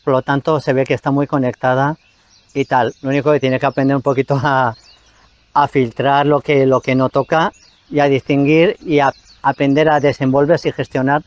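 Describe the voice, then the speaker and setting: A man's voice: medium pitch, little pitch movement, moderate pace, dry recording. Hesitant man, dry outdoor sound. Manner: hesitant, frequent fillers. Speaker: presenter and spiritual teacher. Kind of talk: explanatory talk.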